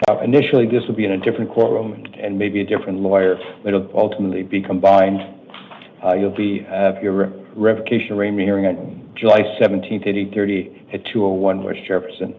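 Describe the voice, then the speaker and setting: A man speaking as a judge in court, reading out procedural details to defendants in a halting, matter-of-fact, businesslike way. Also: fairly low pitch, level tone. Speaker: judge presiding over initial appearance hearings. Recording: muffled, noisy courtroom livestream audio.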